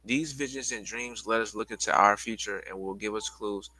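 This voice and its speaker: A man hosting a casual livestream lecture, talking loosely to his viewers with lots of restarts and pausing to catch his breath. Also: fairly low pitch, bright, forceful tone, rough recording. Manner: loose, repetitive, addresses viewers as y'all. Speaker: livestream host giving a presentation.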